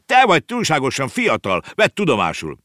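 A man's voice: medium pitch, wildly swooping pitch, a bit bright, no room sound, studio quality, voice pushed up. A man voicing a stern, exasperated middle-aged father who scolds his family in a storybook reading. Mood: scolding.

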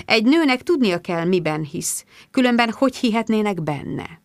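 A woman reading the lines of an earnest, reserved man in a measured way for an audiobook. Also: medium pitch, lively intonation, no echo, studio quality, natural voice.

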